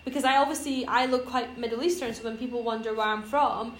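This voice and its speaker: A woman's voice: a little high, steady tone, quick pace. A young woman from Iran chatting casually on a podcast, rambling and hesitant with lots of fillers. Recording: roomy echo, faint noise.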